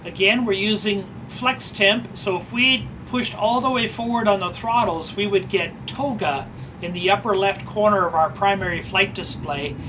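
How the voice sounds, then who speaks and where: A woman's voice: mid-range voice, moderate pace. A woman presenting as a flight simulator pilot, giving explanatory cockpit commentary and radio readbacks. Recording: clear cockpit and engine noise.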